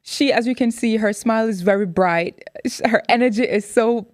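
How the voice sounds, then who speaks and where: A woman in her thirties hosting a candid interview, talking in an animated, expressive way. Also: fairly high pitch, normal speed, no echo, studio quality. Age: 30s. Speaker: host.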